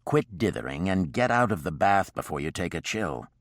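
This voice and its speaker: A man's voice: low voice, sing-song, moderate pace, dry recording, studio quality. A man voicing a stern, patient frontiersman in an audiobook, speaking in a curt, matter-of-fact way.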